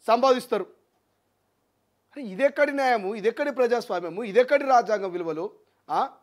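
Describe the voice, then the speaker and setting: A man with a strong lilt delivers political commentary in a notably high, piercing voice. He speaks with indignation and stacks up rhetorical questions, hammering each point home. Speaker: news commentator.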